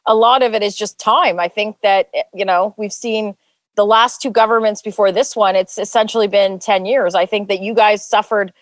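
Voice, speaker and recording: A woman's voice: mid-range voice, fairly even intonation, moderate pace, no room sound. Woman, political panelist, conversational, dry close sound. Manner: conversational, hedging with "I think". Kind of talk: casual panel chat.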